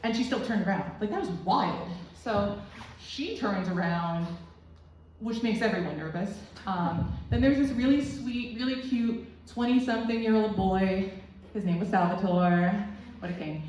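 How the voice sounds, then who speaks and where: A young woman telling a rambling, crude stand-up story full of self-deprecating asides. Her voice sits at an ordinary middle pitch. It is caught from a distance in a very echoey room with faint noise underneath. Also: normal speed, darkish tone. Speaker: stand-up comedian. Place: small student comedy club room.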